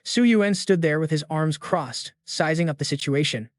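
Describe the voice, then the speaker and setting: A man's voice: a little high, moderate pace, no echo, studio quality. Slangy male story recap narrator.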